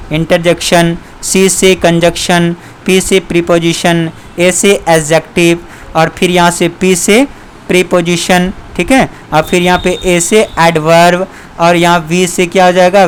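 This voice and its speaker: A man teaching a grammar lesson, dictating slowly and asking the class repeated questions. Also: high voice, slight background noise. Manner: slow, drawn-out dictation with repeated questions to students.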